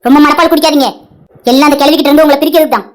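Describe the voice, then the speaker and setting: A woman's voice: high voice, fairly even intonation, racing, close to an everyday voice. A woman voicing a bossy, sarcastic young village woman in a cartoon, with a Tirunelveli Tamil accent.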